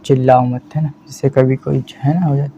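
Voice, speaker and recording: A man teaching spoken English in Hindi, explaining slowly and checking in with "है ना" again and again. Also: mid-range voice. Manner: slow, repeats "है ना" as a steady check-in. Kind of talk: explaining a language lesson in Hindi. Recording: slightly dull lo-fi audio with faint background hiss.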